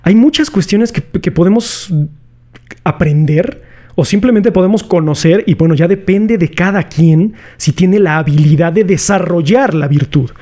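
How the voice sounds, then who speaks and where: This man, who hosts a laid-back philosophy lesson online, has a Mexican accent and a high, dark-toned voice at normal speed. Chatty and full of slang, he explains ideas while posing rhetorical questions to his audience.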